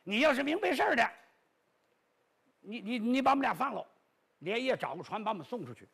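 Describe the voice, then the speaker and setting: A male storyteller voicing a boastful, cowardly bluffer who stammers and talks fast, with a raspy voice. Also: very high voice, sing-song, fairly bright tone, exaggerated voice. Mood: bluffing.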